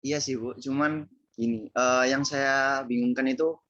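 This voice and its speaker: A man's voice: mid-range voice, fairly even intonation, measured pace, fairly bright tone, dull audio. A male student asking a hesitant question in a webinar over an online call. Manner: hesitant, many fillers. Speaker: student participant. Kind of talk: casual question.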